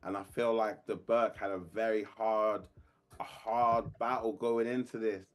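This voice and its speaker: A man's voice: on the low side, flat delivery, a little slow. A man in a casual chat, laid-back and slangy, often repeating his points.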